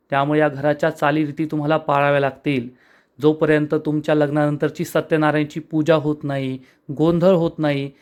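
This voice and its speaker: Man reading a young woman village head, calm, steady, firm. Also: a little high, natural voice. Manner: steady explaining.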